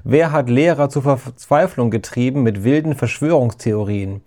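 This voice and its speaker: Ein Mann, der beim Vorlesen einer Geschichte einen theatralischen, donnernden Scheinpriester spricht, pathetisch und anklagend. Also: male voice, medium pitch, normal speed, mellow, natural voice. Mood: accusing. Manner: thundering, pompous, accusing. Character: theatrical booming mock priest, male carnival official. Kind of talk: storybook reading.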